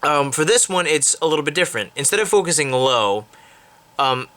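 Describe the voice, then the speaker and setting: A man's voice: fairly high pitch, sing-song, brisk, a bit bright. A man hosting an unscripted beatbox tutorial, explaining in a rambling, casual way full of fillers and restarts.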